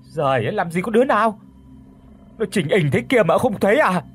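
A man's voice: medium pitch, lively intonation, unhurried, close to an everyday voice. A man voicing a flustered old village grandfather who stammers his questions in bewilderment. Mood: bewildered.

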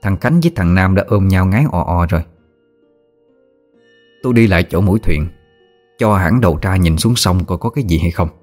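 A man narrating a first-person ghost story in a steady, measured way. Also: low-pitched. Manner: steady, measured telling that turns frantic in quoted outbursts. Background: faint music.

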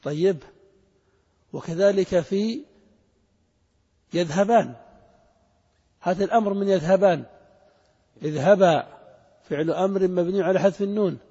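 A man's voice: high-pitched, unhurried, pauses often, warm tone, breathy edge. A man teaching Arabic grammar to a class, asking students questions and repeating their answers. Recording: muffled recording in a reverberant hall.

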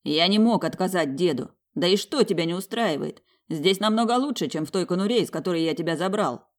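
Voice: mid-range voice, expressive, brisk, pitched above the performer's own voice, natural voice. A reader voicing a smug, dismissive wealthy young husband in audiobook dialogue. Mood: irritated.

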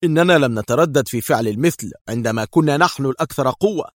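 A man's voice: medium pitch, animated, fast talker, no room sound, clean studio sound, natural voice. A man voicing a bitter, tense male intelligence director in an audiobook. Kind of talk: audiobook character voice.

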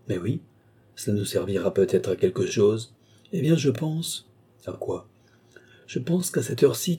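A man's voice: lowish voice, dark tone, husky. A man voicing a lazy, sardonic scheming brother in an audiobook, mocking in tone. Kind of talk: audiobook character voice.

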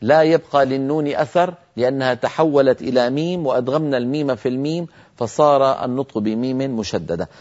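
A man of medium pitch leads a recitation lesson on TV, first laying out every rule in a calm manner and then performing it slowly with prolonged nasal sounds. The audio comes through muffled, as from a broadcast.

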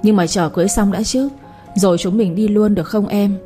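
A woman reading a devoted young village man who soothes and reassures. The voice is warm and mellow, with faint music underneath. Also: mid-range voice, steady tone, a little fast, close to an everyday voice. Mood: placating. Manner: soothing, placating.

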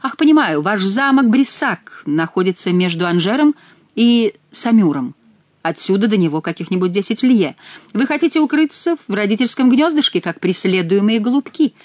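A woman reading an audiobook and voicing a bold, cheerful young nobleman who talks loudly and teasingly. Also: mid-range voice, lively intonation, moderate pace, no echo, voice pushed up, close to an everyday voice. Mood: bantering. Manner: loud, hearty, teasing.

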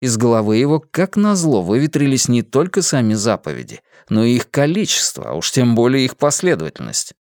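A man narrating an audiobook in an expressive reading style. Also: medium pitch, fairly quick, hardly any pauses, dry recording, clean studio sound.

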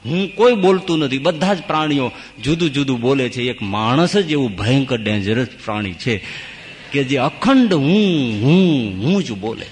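A male monk delivering a devotional sermon as a story. He swings between loud exclamations and hushed low phrases. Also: expressive, moderate pace, long reverb tail, a little hiss or hum.

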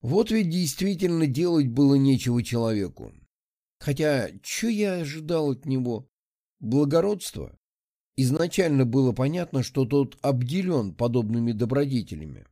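A man narrating first-person fiction as an audiobook, in an even, mildly ironic way. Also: mid-range voice, normal speed, dry recording, studio quality.

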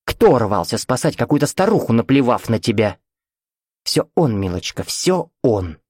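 A man's voice: medium pitch, big pitch swings, moderate pace, darkish tone, husky, no echo, studio quality. A man voicing a cold, sneering domineering mother. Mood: mocking. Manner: scornful, cutting, commanding.

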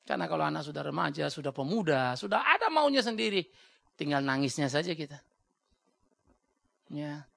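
A man's voice: on the high side, very animated, normal speed, vocal fry, pauses often, pushed and bright, dry recording. A man preaching a sermon bluntly and with energy, acting out the voices he quotes and dropping English words into his talk. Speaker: pastor.

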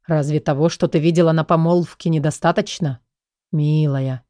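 A woman voicing a stern, protective, quick-tempered middle-aged father in an audiobook, with a gruff lowered voice. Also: steady tone, warm tone, no room sound, studio quality, lightly acted. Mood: pained. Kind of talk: audiobook character voice.

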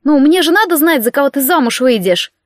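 A woman's voice: high-pitched, animated, fairly quick, no echo, studio quality, voice pushed up. A woman voicing a sleepy, whiny younger sister who pesters with questions. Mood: whining. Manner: whining, pestering.

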